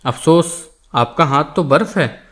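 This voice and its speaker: A man's voice: fairly high pitch, unhurried, fairly bright tone. A man doing a brusque, hot-headed young man. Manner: brusque, firm.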